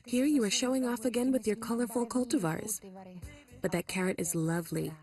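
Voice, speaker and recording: A woman's voice: fairly high pitch, brisk, darkish tone, faint music behind. A woman cooking with a friend, playful and joking in casual banter. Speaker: home cook.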